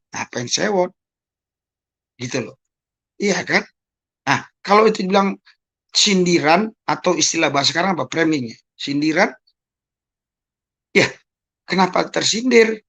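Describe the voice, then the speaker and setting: A man's voice: a little high, creaky, fairly bright tone. A man hosting his own channel, answering accusations in a monologue to his viewers, repeating pointed rhetorical questions. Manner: addresses listeners as "Saudara". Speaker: YouTube channel host.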